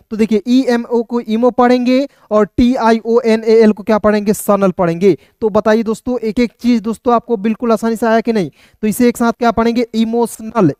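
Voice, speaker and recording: A man's voice: very high-pitched, a little mellow, smooth, no room sound, clean studio sound. A man teaching an online language lesson, spelling words out letter by letter and repeatedly asking his viewers questions, then answering them himself. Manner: keeps addressing viewers as friends. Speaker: English teacher.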